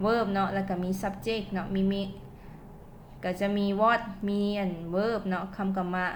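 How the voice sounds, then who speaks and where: A woman with a Lao accent teaching English at home. She says English phrases slowly and carefully, then quickly translates each one. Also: medium pitch, fairly even intonation, a little hiss or hum. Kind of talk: casual spoken lesson.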